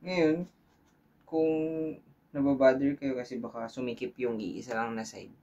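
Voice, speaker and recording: Warm and measured, a mid-range male voice with a Filipino accent guides an informal hands-on tutorial, thinking aloud and regularly checking in with viewers. The audio is dull.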